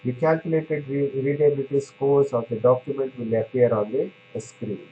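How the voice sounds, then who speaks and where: A man's voice: medium pitch, fairly even intonation, moderate pace, phone-quality sound, a little hiss or hum. A man giving a classroom lecture on pharmacy, explaining step by step with many fillers and restarts, checking in with "right?".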